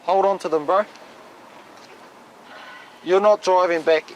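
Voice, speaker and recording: A man's voice: high-pitched, steady tone, takes it slowly. A man with a broad New Zealand accent, a police officer speaking bluntly and firmly in colloquial language to members of the public. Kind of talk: on-the-job talk with members of the public. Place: outdoors on a residential street. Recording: noisy outdoor location sound with traffic.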